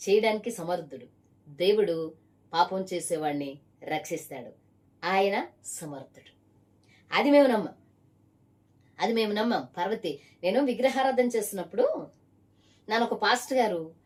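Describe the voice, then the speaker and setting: A woman evangelist preaches her testimony at a middling pitch. She talks emphatically and presses a single listener again and again with pointed rhetorical questions. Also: distant mic. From Visakhapatnam area, Andhra Pradesh.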